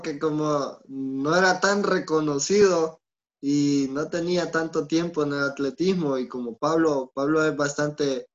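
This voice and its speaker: Slow-talking man, dull lo-fi sound. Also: fairly high pitch, fairly even intonation. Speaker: athlete guest. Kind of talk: casual interview answers.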